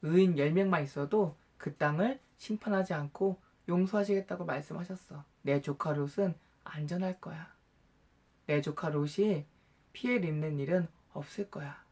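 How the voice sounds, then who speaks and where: A man's voice: on the high side, normal speed, a little mellow, breathy edge. A man doing old Abraham pleading humbly. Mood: relieved, reassuring himself.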